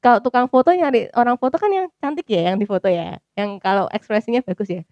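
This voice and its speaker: A woman's voice: fairly high pitch, fast talker, a little mellow, dry recording, muffled recording. A woman with a Javanese accent giving a personal church testimony in a chatty way, dropping English phrases in and acting out her own thoughts. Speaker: testimony speaker at a youth service.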